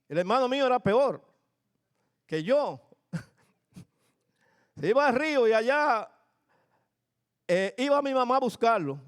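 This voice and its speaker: An older man, a pastor, preaching a sermon in church, telling family stories with humor and asking the congregation questions. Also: sits high. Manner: storytelling, lively and humorous, addresses congregation.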